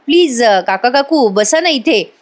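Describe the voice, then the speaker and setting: Calm male doctor, measured questions, woman narrator voicing, high-ish voice. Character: calm male doctor, coolly exposing a fake injury.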